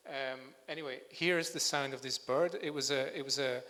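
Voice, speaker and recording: In an echoing lecture hall, a man from Scotland who records birdsong gives a conference presentation. He has a medium pitch, fairly even intonation, and a pushed, bright quality at normal speed, speaking hesitantly as he gropes for words.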